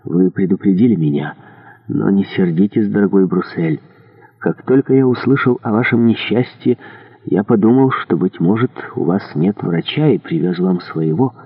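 A man reading as a brisk, eager prince. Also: low-pitched, breathy edge, in a large hall. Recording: tinny narrow-band audio.

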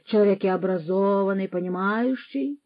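A woman's voice: mid-range voice, normal speed, dry recording, lo-fi sound, close to an everyday voice. A woman voicing a stubborn older male village shopkeeper who speaks curtly and dismissively, in a storybook reading. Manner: curt, dismissive, mixes in Russian words.

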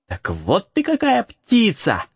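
A man's voice: high-pitched, huge pitch swings, takes it slowly, creaky, husky, dry recording, lo-fi sound, voice pushed up, full character voice. A man voicing a cheeky runaway boy from the woods who teases and cackles in a raised voice. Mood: mocking. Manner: teasing, cackling, folksy. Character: mocking cheeky forest boy, laughing runaway.

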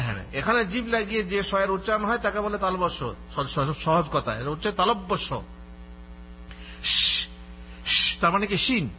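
A man teaches a religious lesson in a fairly high, strikingly bright voice. He works through each point by asking a question and answering it himself. The recording is dull and lo-fi, with a faint mains hum beneath. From West Bengal. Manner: explanatory, poses questions and answers them himself. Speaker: Islamic scholar giving a lesson.

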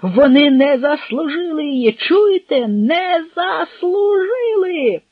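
A panicky young noble commander, whining and quick to shriek, as a man reads him aloud. His voice sounds breathy and dull, close and dry, as in a plain home-made audiobook recording. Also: animated, dry recording, heavily acted. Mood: hysterical. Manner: shrill, hysterical, whining.

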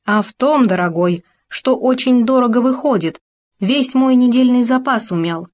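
A woman's voice: moderate pace, close to an everyday voice. A woman voicing a stingy, easily frightened male gopher who tries on polite manners. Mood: indignant. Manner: high, excitable, grudging.

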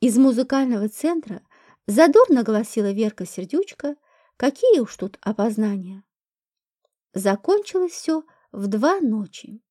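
A woman narrating a first-person audiobook in a steady, even storytelling read. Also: fairly high pitch, measured pace, no room sound, studio quality.

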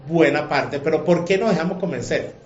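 Guy teaching a religious class, lively and questioning, muffled echoey recording. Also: on the high side, brisk, slight background noise. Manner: animated, questioning, emotional. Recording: echoey room, muffled lo-fi sound.

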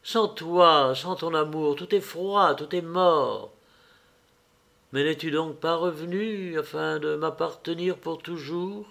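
A tender young woman, wistful and devoted, speaks to her old love in a soft, raised voice, put on by a man reading the tale aloud. Her words come slowly and gently, like an audiobook. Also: on the high side, creaky, heavily acted. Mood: tender pleading.

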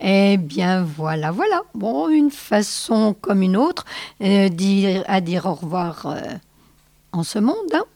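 Slow, deliberate woman storyteller. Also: medium pitch, expressive, vocal fry, dark tone, no echo. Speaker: radio host reading a story. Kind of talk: reading a short story aloud.

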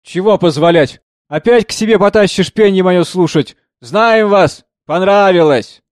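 A man voicing a prickly, worn-out young woman who sings with a harp in a tavern, speaking in a shrill, scolding way. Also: animated, fairly quick, darkish tone, no echo, clean studio sound. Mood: shrill, scornful.

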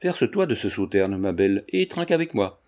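A man reading an audiobook, voicing a suave scheming baron who stays calm and coaxing. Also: on the low side, fairly quick. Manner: smooth, coaxing, unruffled.

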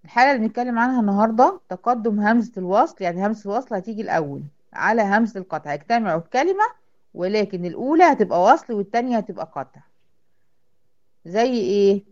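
A woman with an Egyptian accent teaching Quran recitation, explaining step by step, asking questions and answering them herself, slowing right down to sound out words. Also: mid-range voice, lively intonation, a little mellow. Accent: Egyptian Arabic. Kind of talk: online tajweed lesson. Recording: dull lo-fi audio.

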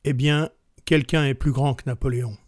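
A man reading the lines of a stern, gray-haired male stranger from a storybook in a grave, measured voice. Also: mid-range voice, fairly even intonation, no room sound, studio quality, close to an everyday voice.

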